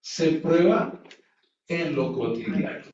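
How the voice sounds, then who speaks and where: Speaking slowly in a fairly high, a little mellow voice, a man teaches a Bible class as though preaching, emphasizing points and posing rhetorical questions. The recording has a little hiss or hum, plus an echoey, dull sound from a distant mic.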